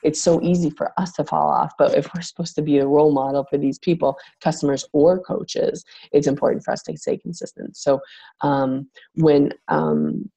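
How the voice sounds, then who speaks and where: A woman's voice: low voice, steady tone, moderate pace, gravelly, dark tone, slightly rough, low-quality recording. A woman losing her voice, leading a casual team call in a rambling way, full of fillers, with big jumps when she acts out quotes. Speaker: team leader of fitness coaches.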